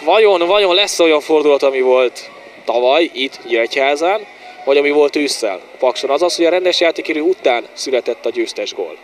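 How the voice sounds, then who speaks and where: Male football commentator, excited home-side sports call, fairly high voice, noisy outdoor stadium recording. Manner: excited, partisan, short exclamations and repeated player names. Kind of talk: live football match commentary.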